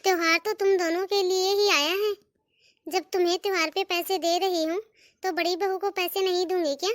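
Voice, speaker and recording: A woman's voice: very high-pitched, fairly even intonation, normal speed, dry recording, clean studio sound. A woman voicing a stern but fair mother-in-law in a cartoon, scolding and giving orders. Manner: scolding, commanding, calls daughters-in-law "bahu". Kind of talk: cartoon voice acting.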